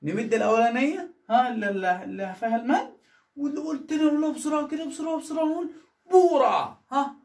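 A woman's voice: high voice, fairly even intonation, rapid-fire, darkish tone, echoey room. A woman with an Egyptian Arabic accent teaching children to read, drawing out syllables and coaxing them with questions. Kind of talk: children's reading lesson.

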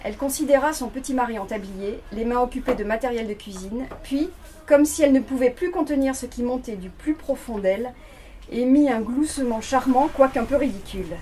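A woman reading extracts of a novel aloud in a measured way at a bookshop event. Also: on the high side, warm tone. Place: bookshop reading before an audience.

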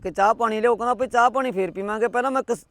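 A man's voice: very high-pitched, very fast, a bit bright, dry recording. A man telling a village folk tale in a rustic style, quoting each character with "he says". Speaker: storyteller.

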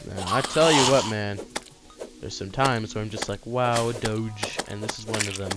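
A man's voice: fairly low pitch, moderate pace, heavy background noise. A man hosting a gaming channel, rambling through casual gameplay commentary and often correcting himself mid-sentence. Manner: rambling, chatty, self-correcting. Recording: loud background game music.

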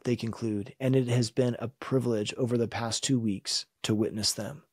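A man delivers a scripture lesson in an earnest, measured and reflective manner. His voice has a husky edge at a middle pitch. The sound is dry and close, with no room around it. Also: dark tone, no room sound. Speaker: religion teacher.

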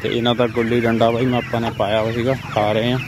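In this noisy poultry-farm clip, with chickens clucking and birds around the sheds and yard, a young Indian vlogger with a Punjabi accent chats informally to his phone audience as friends. His delivery is flat and quick, in a mid-range voice.

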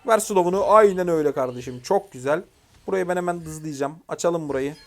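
Excitable young man calling out gameplay. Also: on the high side, a little fast, soft background music. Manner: excitable, shouting commands at teammates, frustrated venting. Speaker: gaming YouTuber. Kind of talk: live gameplay commentary.

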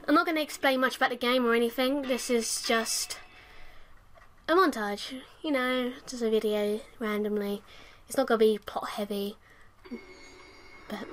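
Playing a horror game alone in her room, a young let's play host with a highish, fairly bright voice comments casually while panicking. She's jumpy, swears a lot and repeats herself, and the home recording is noisy with a buzz.

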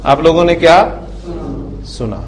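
Man teaching Arabic grammar, slow drills. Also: fairly high pitch, slight background noise, rough recording. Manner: drills word forms slowly, syllable by syllable; asks the class checking questions. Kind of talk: classroom grammar lecture.

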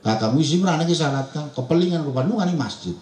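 Nagging village wife, put on by a male preacher, Serang Javanese accent, scolding, quick, echoey speakers. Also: a little high, animated, darkish tone, lightly acted. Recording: echoey event sound system.

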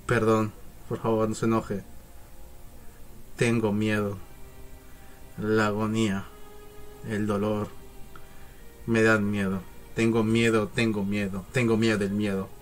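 A man voicing a menacing male villain obsessed with fear in an anime dub, speaking low and ominous. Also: flat delivery, takes it slowly, pauses often, soft background music. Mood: fearful.

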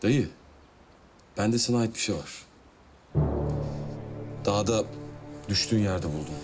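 A man's voice: lowish voice, slow, music in the background. An actor playing a respectful young man who reassures an ailing older man. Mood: reassuring. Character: young man, devoted nephew figure, warm and respectful. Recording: TV drama with loud score underneath.

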